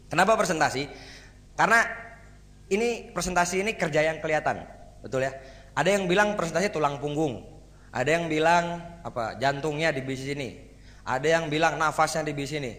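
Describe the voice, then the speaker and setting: A man giving a motivational seminar talk to a live audience, energetic and rhetorical, often asking the crowd for agreement. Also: fairly high pitch. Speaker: motivational speaker. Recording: hall reverb.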